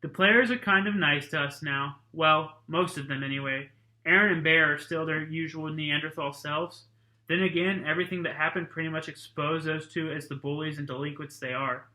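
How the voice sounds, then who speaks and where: Guy reading a kids novel out loud for his students, steady and casual, pretty bright sharp tone. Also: a little high, moderate pace, reverberant, low-quality recording.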